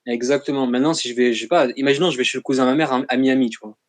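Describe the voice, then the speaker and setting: Fast-talking young man, slangy guest. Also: medium pitch, dry recording. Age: young adult. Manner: slangy, chatty and animated. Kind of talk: casual chat.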